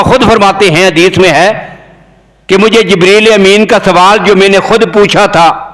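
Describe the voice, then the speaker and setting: A high-pitched man delivering a fervent religious sermon. His voice soars on the words he stresses, and it rings out with a long hall reverb behind it. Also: fairly bright tone. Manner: impassioned, voice leaping high on emphasized phrases. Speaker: mufti preacher.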